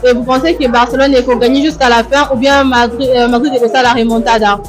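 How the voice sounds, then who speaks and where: A woman with a high voice going from fan to fan at a match screening, asking quick, playful questions. Loud music plays behind her the whole time. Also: fairly even intonation. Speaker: interviewer. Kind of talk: street vox-pop interviews.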